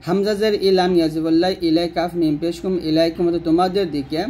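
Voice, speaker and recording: A man teaches Quran reading, spelling out the letters and vowel marks one syllable at a time, slowly and repetitively. His intonation stays fairly even, and his voice drops lower and quieter as each sentence ends.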